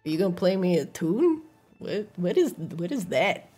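Woman putting on a twitchy, squeaking were-rat. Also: very animated, normal speed, mellow, husky, faint music behind. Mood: uneasy. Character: twitchy, wary male were-rat of the graveyard.

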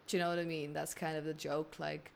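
A woman's voice: low-pitched, level tone, fast, vocal fry, a little hiss or hum. A woman co-hosting a podcast, making wry, sarcastic remarks in a casual film chat. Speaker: podcast co-host.

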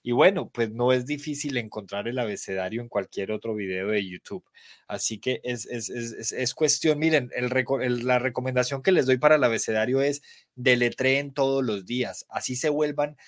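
A man's voice: medium pitch, moderate pace, dry recording. A Colombian man teaching a live online English class, spelling letters aloud and praising students by name. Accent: Colombian Spanish.

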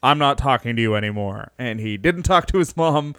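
A podcast co-host on a wrestling show, this man has a mid-range voice and a brisk delivery, telling stories loosely and jokingly in casual chat. He's animated and laughs often, and there's slight background noise.

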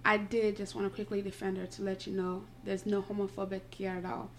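A woman's voice: medium pitch, flat delivery, brisk. A woman hosting a casual podcast, reading a post aloud, her speech slightly slurred by retainers. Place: indoors, home recording. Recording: buzzing noise in background.

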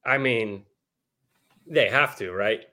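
Analytical man thinking out loud. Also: fairly low pitch, slow. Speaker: podcast guest. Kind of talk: casual sports chat.

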